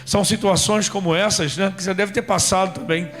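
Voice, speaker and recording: A man's voice: high voice, fairly even intonation, fairly quick, over music. A male pastor from Rio de preaching a sermon, telling stories and speaking straight to his congregation. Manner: storytelling preacher, addresses congregation directly.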